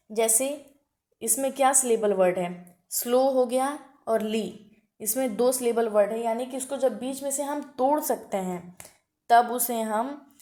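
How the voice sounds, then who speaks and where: High-pitched woman teaching a grammar lesson. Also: warm tone. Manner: explains step by step, asks the class questions; reads example sentences slowly and emphatically.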